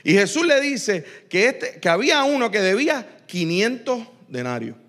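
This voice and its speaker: A man preaching a lively, joking sermon in church, teasing his congregation with quick asides. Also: high-pitched. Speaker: pastor.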